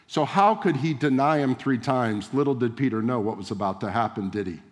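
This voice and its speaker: A man's voice: mid-range voice, brisk. A male pastor preaching a sermon in a conversational way, with rhetorical questions and direct address to the congregation. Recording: long reverb of a large hall.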